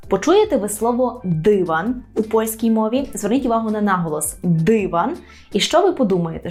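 A woman teaching Polish online, explaining words patiently and slowing down to demonstrate pronunciation. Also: mid-range voice, a little mellow. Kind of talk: online language lesson.

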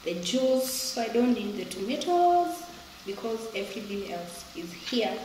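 A woman's voice: on the high side, big pitch swings, measured pace, a little mellow, a little hiss or hum. Chatty woman in an echoey kitchen. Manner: chatty, addresses viewers as guys, laughs often. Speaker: cooking vlogger. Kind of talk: casual cooking commentary. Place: home kitchen, indoors. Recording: echoey kitchen with frying sizzle.

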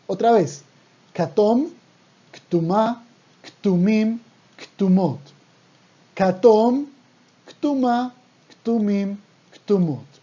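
A man's voice: high voice, warm tone. A man teaching a language lesson, patiently repeating words for the learner to drill. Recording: dull lo-fi audio.

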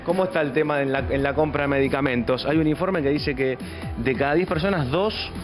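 A man with a Rioplatense Argentine accent asking passers-by brisk, probing questions as a street reporter. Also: on the high side. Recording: background music under the report.

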